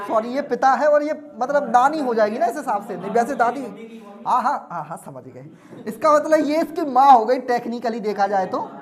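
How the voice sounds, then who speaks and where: A man teaching a classroom lesson, drilling students with repeated questions and answers and scolding them now and then. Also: very high voice.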